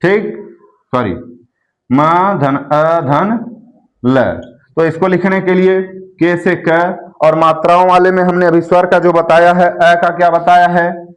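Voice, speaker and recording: A man's voice: high voice, steady tone, takes it slowly. A man teaching a lesson, explaining step by step and drawing out and repeating syllables. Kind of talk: classroom lesson.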